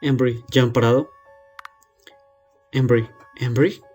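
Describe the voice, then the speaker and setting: A man's voice: medium pitch, fairly even intonation, slow pace, a little mellow, faint music behind, natural voice. A man voicing a trapped monster that begs to be let out and bitterly accuses the girl who keeps it locked away. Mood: pleading.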